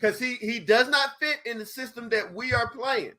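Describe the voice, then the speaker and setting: A man's voice: very high-pitched, moderate pace, bright, forceful tone. A man arguing insistently in a heated basketball debate, repeating his points as a podcast co-host. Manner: insistent, argumentative, repeats himself.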